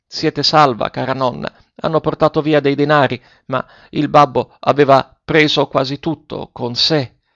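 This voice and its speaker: A man's voice: medium pitch, fairly even intonation, normal speed, creaky, no echo. A man voicing a faint dying boy. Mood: frightened. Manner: faint, hushed voice. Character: wounded young boy, weak and remorseful. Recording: dull dry recording.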